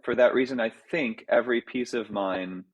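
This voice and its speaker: A man's voice: medium pitch, moderate pace, highs cut off. A man, a composer, answers audience questions in a casual talk, thinking aloud with many fillers and restarts. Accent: American.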